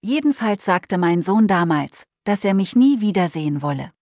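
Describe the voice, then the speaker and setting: A woman's voice: mid-range voice, animated, normal speed, no room sound, studio quality, natural voice. A woman voicing a remorseful, lonely old man in a Christmas storybook, speaking with sad regret. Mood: regretful. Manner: sad, regretful, softly pleading.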